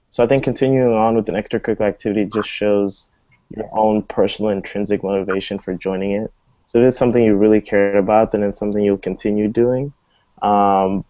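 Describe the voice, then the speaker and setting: A man's voice: on the low side, warm tone, no echo. A young man from Texas, a student panelist answering questions casually, with lots of fillers and restarts. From Texas, USA. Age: young adult. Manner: casual, hesitant, many fillers. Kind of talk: online Q&A session. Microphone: video call. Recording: slightly muffled video call audio.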